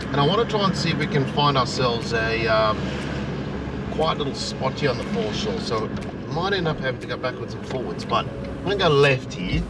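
A man's voice: medium pitch, animated, brisk, very noisy. An Australian man in his forties chatting casually to the camera as a travel vlogger, in a laid-back, rambling, colloquial way. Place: outdoors on a beach, some talk in a car. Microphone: handheld action camera at arm's length.

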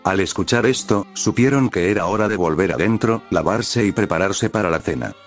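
Low-voiced man reading a story. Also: expressive, a little fast, faint music behind. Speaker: fanfiction narrator.

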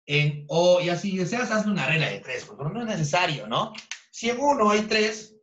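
A man's voice: big pitch swings, moderate pace, fairly bright tone. A man tutoring a chemistry review class online, joking and teasing his students as he goes. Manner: playful, teasing, jokey with students. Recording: dull low-fidelity audio.

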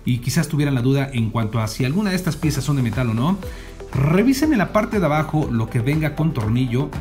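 A man's voice: mid-range voice, a little fast, faint music behind. Showy man hosting a toy unboxing. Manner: showman flourishes, lively exclamations. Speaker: diecast collector channel host. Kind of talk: casual unboxing review. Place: indoor desk, office.

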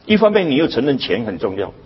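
Husky older man lecturing emphatically. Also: big pitch swings, quick pace. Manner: emphatic, rhetorical questions, sudden jumps in pitch. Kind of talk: public lecture. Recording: dull lo-fi recording.

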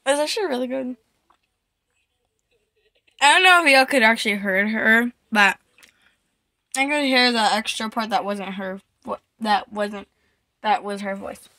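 Slow, rambling higher-voiced woman vlogger. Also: bright, forceful tone, poor audio. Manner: rambling, filler-heavy with many likes and restarts. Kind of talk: casual chat to camera.

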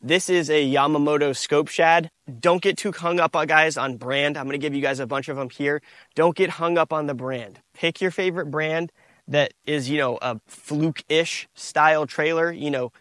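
A man, giving a relaxed outdoor fishing tutorial from a boat on a lake, recorded on a lapel mic. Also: mid-range voice, dry recording. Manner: relaxed, repeats "again" and "you guys". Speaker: fishing instructor.

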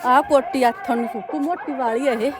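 A woman's voice: high-pitched, fairly even intonation, brisk, crowd noise. A woman with a Punjabi accent chatting casually and homely as she narrates household chores for a family vlog. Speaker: family vlogger.

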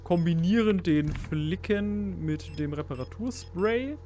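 Playing a horror game, a man chats casually in a slow, high, mellow voice with slight background noise behind him. Easily spooked, he keeps squealing at the on-screen enemies and begging them to leave him alone.

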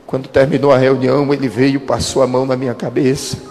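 A pastor in his thirties telling a dramatic testimony in a sermon, with slow emphatic pauses. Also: medium pitch, little pitch movement, darkish tone. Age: 30s. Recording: long church-hall reverb with music.

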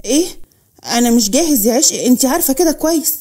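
A woman with an Egyptian accent voicing a callous young man who speaks slowly and dismissively. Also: sits high, animated, warm tone. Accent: Egyptian Arabic. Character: callous deceitful young man, cold lover.

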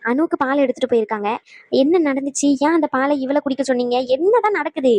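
Brief: woman voicing a suspicious young wife in a cartoon; fast, high, dry, demanding. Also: animated, a little mellow, dry recording. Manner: demanding, pressing questions.

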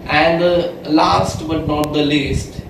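A man's voice: fairly high pitch, little pitch movement, slow pace, creaky. A man in his twenties from India who reads out the questions in a casual vlog, sitting in a bedroom. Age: 20s. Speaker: vlogger. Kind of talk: casual Q&A chat. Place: bedroom, indoors. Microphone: far camera. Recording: very echoey room, far mic, loud hiss.

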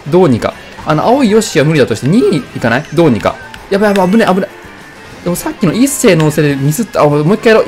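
Fast-talking young man commentating a kart game. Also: on the high side. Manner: rambling, jokey, reacting loudly to the race. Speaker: gameplay commentator. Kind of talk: casual let's-play commentary.

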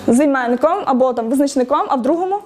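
A woman's voice: sits high, lively intonation, fast talker, crowd noise. A woman giving an interactive lecture at a tech meetup, quizzing the audience, laughing often and encouraging answers.

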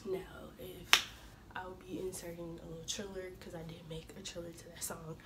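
A young woman vlogging casually to her viewers, her voice slightly hoarse from a cold, chatting informally and calling them y'all. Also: lowish voice, little pitch movement, normal speed, very noisy. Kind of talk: casual vlog chat to camera.

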